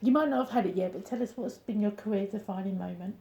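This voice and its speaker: Gravelly, encouraging interviewer woman. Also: mid-range voice, mellow, a little hiss or hum. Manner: upbeat, encouraging, quick responses. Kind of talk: casual interview hosting. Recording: echoey room.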